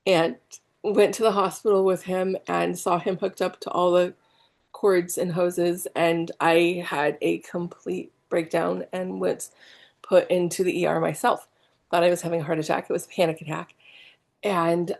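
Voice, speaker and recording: A middle-aged woman teaching a healing class from her home, talking casually with lots of fillers and asides. Her voice sits fairly low and carries a gravelly edge. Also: darkish tone. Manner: chatty, many fillers and asides. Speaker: spiritual healer teaching an online class.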